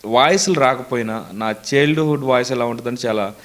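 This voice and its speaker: A man's voice: medium pitch, brisk, fairly bright tone. Earnest man telling his story. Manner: earnest, storytelling, lists names steadily. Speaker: mimicry artist, interview guest. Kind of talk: casual interview answers.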